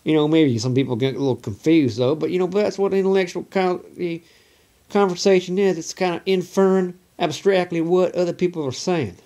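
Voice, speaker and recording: A man's voice: sits high, steady tone, fairly quick, warm tone. A man from Oregon putting on a Southern US redneck drawl, rambling casually to a phone camera and leaning on "you know" constantly. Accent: put-on Southern US redneck drawl. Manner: folksy, leans on "you know" constantly, loose and meandering. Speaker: vlogger.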